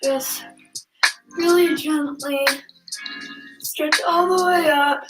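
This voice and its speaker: Speaking extremely slowly, a young woman with a congested nose leads a home stretching session in a high, steady voice, rambling with many ums and quick laughs. Loud music plays behind her in an echoey room, and the audio is poor.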